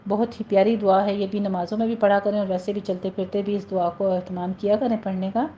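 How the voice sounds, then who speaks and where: A woman teaching Quran recitation rules step by step, then reciting the example words slowly and drawn out. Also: mid-range voice, little pitch movement, highs cut off, a little hiss or hum. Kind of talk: tajweed lesson with slow recited examples.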